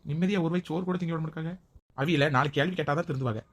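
A woman playing a gentle, caring young husband who reassures his wife. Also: sits low, racing.

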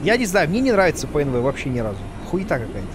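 Animated, high-pitched male game streamer. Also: rapid-fire, noisy background. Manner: joking, sweary, reacts out loud. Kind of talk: casual live gaming commentary. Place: indoor room, streaming setup. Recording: music and game sounds behind. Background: game music and effects.

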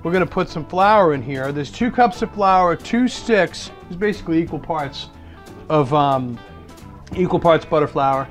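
A man's voice: fairly high pitch, moderate pace. A middle-aged man from Massachusetts with a local accent, explaining each cooking step in a chatty, casual way and laughing at himself now and then. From Massachusetts, USA. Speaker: host cooking for dinner guests. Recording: music playing behind the voice.

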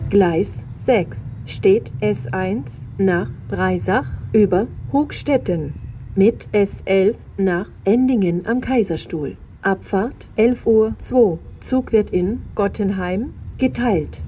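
A woman reading flat, scripted railway platform announcements in measured, separate phrases as a station announcer. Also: mid-range voice, slight background noise.

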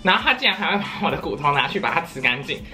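A young woman hosts a casual eating vlog from home. Her voice sits low but rings bright and swings widely in pitch as she chats playfully and slips into silly sing-song bits. Soft music plays faintly underneath. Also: very animated, very fast. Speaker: vlogger.

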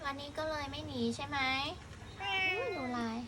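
A woman's voice: sits high, animated, normal speed, heavy background noise. A woman chatting casually and playfully, coaxing a cat with short repeated phrases. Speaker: cat vlogger talking to a stray cat and viewers. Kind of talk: casual pet chat, cooing questions to a cat.

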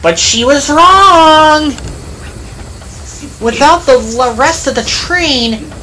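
A woman narrating a homemade train story in an unhurried, sing-song way. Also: high voice, animated, bright, forceful tone, slight background noise.

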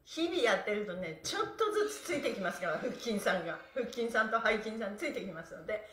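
This middle-aged Japanese instructor speaks at a medium pitch with wide pitch swings, slightly fast and fairly bright, as she cheerfully chants counts for a live-streamed stretching session. The phone camera sits a few meters away in a small room, so the audio is echoey, with a little hiss or hum.

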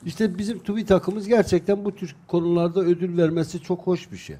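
A man's voice: high-pitched, steady tone, fast, dark tone. A man chatting in a local TV studio, telling anecdotes in a casual, storytelling way. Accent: Turkish. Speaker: local TV commentator.

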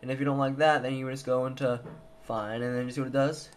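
A crowd can be heard behind a young adult man presenting a casual, hesitant tutorial at his computer indoors, reasoning aloud as he goes. He talks fast at a medium pitch with little pitch movement. A handheld camera mic captures the noisy audio.

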